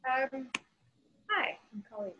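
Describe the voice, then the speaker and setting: A woman's voice: high-pitched, sing-song, slow pace, muffled recording, a little hiss or hum. A woman in the audience asking a question on a video call from home, tentatively. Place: home room.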